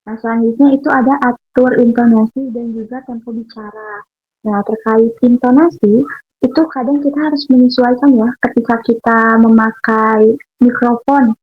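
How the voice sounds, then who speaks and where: A woman's voice: a little high, fairly even intonation, moderate pace. A young woman, a university student, giving casual public speaking tips in a chatty way, with frequent fillers. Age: young adult. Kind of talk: casual instructional talk. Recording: tinny phone-like sound with faint music.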